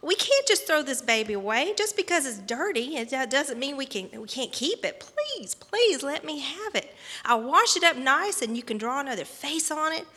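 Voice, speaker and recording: A woman's voice: high-pitched, sing-song, moderate pace, bright, forceful tone, voice pushed up, exaggerated voice. A woman voicing an eager little girl who begs earnestly to keep her doll, in an echoey church hall. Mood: pleading. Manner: begging, breathless and earnest.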